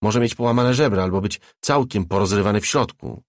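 A man's voice: on the low side, brisk, no room sound, studio quality, natural voice. A man voicing a blunt young woman with medical training, in an audiobook reading. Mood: warning.

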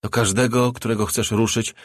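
A man's voice: lowish voice, flat delivery, moderate pace, dry recording, studio quality, natural voice. A man voicing a curt, tense young man in an audiobook.

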